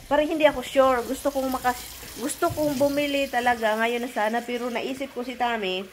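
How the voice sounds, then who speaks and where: A woman's voice: on the high side, a little hiss or hum. Chatty woman vlogging. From Philippines. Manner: chatty, keeps calling her viewers "guys". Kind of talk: casual vlog chat.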